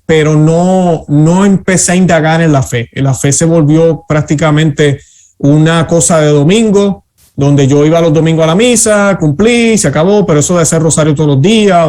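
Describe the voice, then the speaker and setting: Middle-aged puerto rican guy, bit high pitched, talks slow and reflective with lots of ums. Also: a little mellow. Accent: Puerto Rican Spanish. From Puerto Rico. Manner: earnest, reflective, many hesitant fillers. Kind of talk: personal testimony in an interview.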